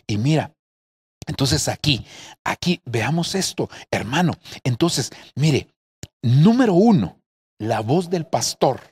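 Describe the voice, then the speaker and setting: A man's voice: mid-range voice, sing-song, slow pace, a little mellow, slightly rough. A middle-aged man preaching a sermon from home as a pastor, earnest and addressing his listeners directly.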